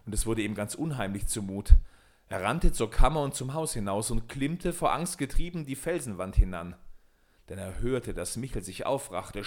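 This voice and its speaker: A man of middling pitch reads an old fairy tale aloud. His narration is expressive and dramatic, rising and slowing with the story.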